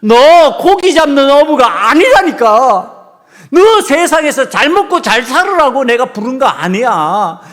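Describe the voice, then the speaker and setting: A man preaching and voicing Jesus as a stern teacher who urges a disciple on, in a loud, insistent voice. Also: extremely high pitch, big pitch swings, measured pace, long reverb tail, pitched above the performer's own voice, full character voice.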